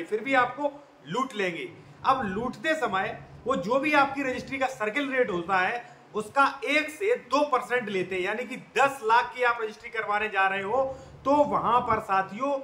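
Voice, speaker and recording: A man's voice: very high-pitched, pushed and bright. A man, earnestly explaining a legal issue to his viewers in a monologue. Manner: earnest, repeatedly addresses viewers as companions. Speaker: legal commentator. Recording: echoey room with faint noise.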